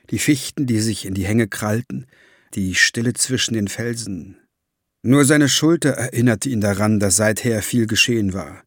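A man reading a fantasy novel aloud as audiobook narration, measured and steady. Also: medium pitch, dry recording, clean studio sound. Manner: measured storytelling.

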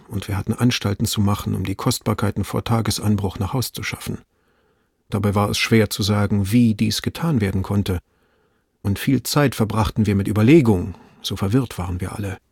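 Man, audiobook narrator, gravelly husky voice, dry close sound. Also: lowish voice, a little mellow, no echo. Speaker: audiobook reader. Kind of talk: scripted narration.

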